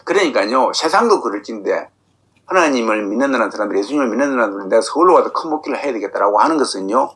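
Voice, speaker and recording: Man, pastor, sermon, rhetorical questions, lively rising and falling delivery. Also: medium pitch, rapid-fire. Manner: animated preaching with rhetorical questions.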